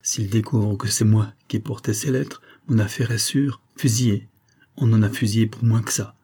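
A blunt, greedy national guardsman, voiced by a man reading an audiobook. He haggles in a raised, hard-edged voice. The tone is dark and husky. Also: on the low side, fairly even intonation, normal speed. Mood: haggling.

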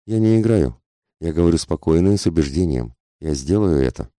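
A man's voice: a bass voice, animated, a little fast, mellow, dry recording, studio quality. A man voicing a passionate, desperate society woman who pleads for love in an intense, angry half-whisper.

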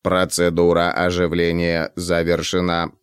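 A man voicing a rickety patchwork robot with a metallic, grating voice and flat, mechanical delivery. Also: deep voice, smooth, no room sound, studio quality, voice pushed down. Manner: slow, flat, mechanical repetition. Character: rickety patchwork robot automaton, male, mournful. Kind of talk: audiobook character voice.

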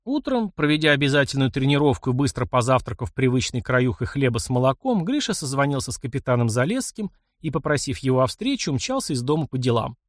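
A man narrating an audiobook in expressive scripted storytelling. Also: medium pitch, fast talker, hardly any pauses, dry recording, studio quality.

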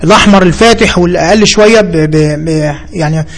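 An Egyptian-accented man teaches a lesson on screen-reader software, repeating himself and thinking out loud as he covers each term. His voice is a little high and a little fast, and the recording is rough.

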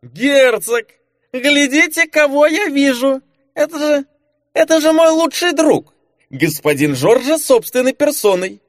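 A man doing a shrill, loud drunk nobleman. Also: animated, takes it slowly, full character voice. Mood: feigned drunken glee. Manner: shouting in a high, slurred voice. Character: noisy drunk-acting young nobleman.

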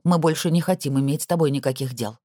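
A man voicing a cold, composed wealthy woman who speaks quietly but firmly and with disdain. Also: deep voice, quick pace, dry recording, studio quality.

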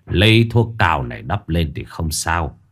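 A man voicing an old male master exorcist who speaks slowly and gravely. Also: sing-song, heavily acted. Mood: gentle. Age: older. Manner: slow, low, grave.

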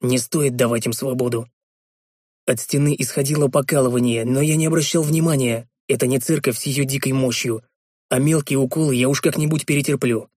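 A man narrating a fantasy audiobook, switching to intense shouting in his hero's lines. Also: mid-range voice, fairly even intonation, fairly quick, no room sound, clean studio sound.

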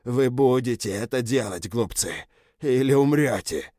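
A man voicing a wounded captive general who pleads for his life and then threatens his captors, hoarse and strained. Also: sits low, normal speed, dry recording, studio quality. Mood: menacing. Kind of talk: audiobook character reading.

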